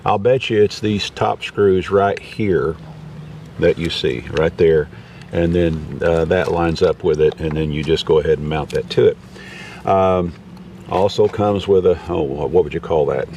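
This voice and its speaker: A man with a low-pitched, unhurried, slightly mellow voice hosts a casual, unscripted gear review, rambling in a folksy way as he demonstrates the product. The mic is distant and there's background noise.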